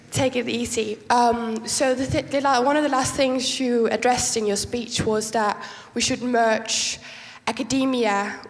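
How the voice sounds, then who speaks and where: Woman, young, from Denmark, earnest, hesitant, handheld mic, reverberant lecture hall. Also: on the high side. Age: young adult. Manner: earnest, hesitant with many ums. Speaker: student asking a question.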